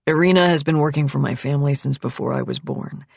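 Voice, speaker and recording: A woman's voice: sits low, fast talker, creaky, darkish tone, breathy edge, no echo, voice pushed down, exaggerated voice. A woman voicing a young man, an apologetic and sheepish fiancé, in an audiobook. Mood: friendly.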